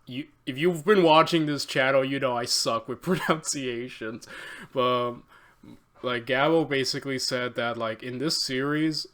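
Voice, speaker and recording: A man hosting a reaction video, chatting excitedly with many fillers and laughs. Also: medium pitch, unhurried. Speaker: reaction channel host. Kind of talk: casual reaction commentary.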